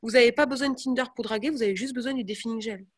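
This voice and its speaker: A young woman chatting casually to her viewers, telling animated stories. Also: fairly high pitch, very fast, breathy edge. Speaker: network marketing presenter. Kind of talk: casual live chat.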